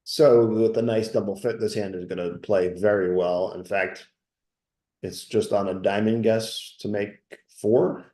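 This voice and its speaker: A man giving analytical live bridge commentary, slightly halting as he thinks. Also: fairly low pitch, fairly even intonation, mellow, reverberant.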